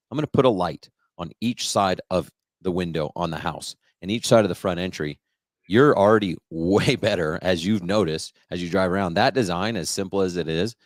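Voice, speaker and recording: Deep-voiced man explaining business. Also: no echo, clean studio sound. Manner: confident, explanatory, enthusiastic. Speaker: lighting business coach. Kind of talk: casual interview chat.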